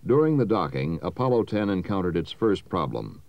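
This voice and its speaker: A man giving measured, solemn scripted narration for a documentary. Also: low-pitched, very animated, muffled recording. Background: music.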